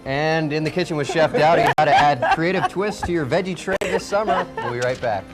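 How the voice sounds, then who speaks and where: A man's voice: fairly high pitch, fairly quick, music in the background, low-quality recording. An American man anchoring morning news, moving between a broadcast read and ad-libbed banter.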